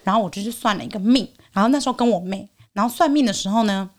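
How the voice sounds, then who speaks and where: A woman's voice: medium pitch, very fast. A woman guest on a chat podcast telling stories with a Taiwanese Mandarin accent, acting out the people she quotes. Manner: animated storyteller, acts out quoted people. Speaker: guest, business owner. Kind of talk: casual chat.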